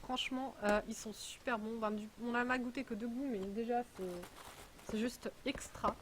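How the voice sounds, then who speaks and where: A woman's voice: fairly high pitch, steady tone, normal speed, noisy background. A woman vlogger chatting casually while unboxing a parcel, rambling and full of hesitations. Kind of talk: casual chat.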